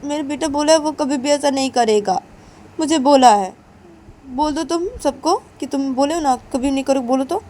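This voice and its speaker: A woman voicing a flustered young man who pleads loudly and insistently with his relatives. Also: high voice, normal speed, pitched above the performer's own voice, lightly acted.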